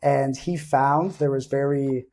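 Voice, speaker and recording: A man's voice: mid-range voice, steady tone, slow pace, dark tone. A man hosting a podcast interview, asking questions in an upbeat, chatty way. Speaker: podcast host. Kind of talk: casual interview.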